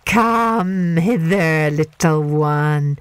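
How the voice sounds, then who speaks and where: A woman voicing a sly male crocodile who speaks in slow, drawn-out, coaxing words. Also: deep voice, clear, resonant tone, dry recording.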